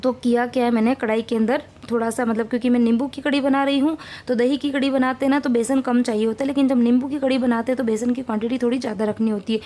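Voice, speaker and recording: A woman in her thirties talks through her morning chores and cooking as a family vlogger. Her slightly high voice has a mellow, warm tone. She chats in a rambling, homely way. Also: steady tone, fast, hardly any pauses. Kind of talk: casual vlog narration.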